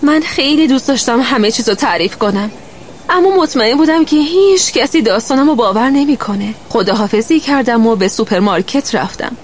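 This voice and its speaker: A woman narrating a first-person children's story in a gentle, steady way. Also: a little high, slight background noise.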